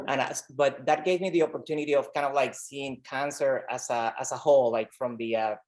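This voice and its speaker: A man from Rico speaks as a podcast guest, in a mid-pitched voice. He talks earnestly and haltingly, often repeating words as he gathers his thoughts. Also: fairly even intonation, darkish tone. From Puerto Rico. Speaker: pediatric oncologist guest. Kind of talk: conversational interview.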